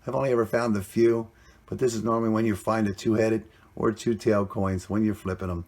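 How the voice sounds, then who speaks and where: A man's voice: fairly low pitch, little pitch movement, a little fast, darkish tone. A man hosting a coin roll hunting vlog, talking casually and plainly, cheerful about each find, recorded indoors on a camera mic. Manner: chatty, plainspoken, upbeat about finds.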